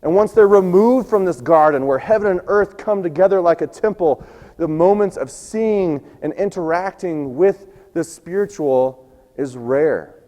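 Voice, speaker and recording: A man preaching a sermon, telling a scripture story and acting out its quoted lines, his voice going hoarse. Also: sits high, a little slow, dark tone, big-room sound. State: losing his voice. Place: church sanctuary.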